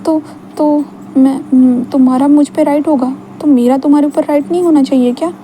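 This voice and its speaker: Young man in love, shy, stammering, hesitant, voiced by a woman, high, very mellow voice, storybook reading. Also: steady tone, fairly quick, slight background noise, natural voice, poor audio. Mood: flustered.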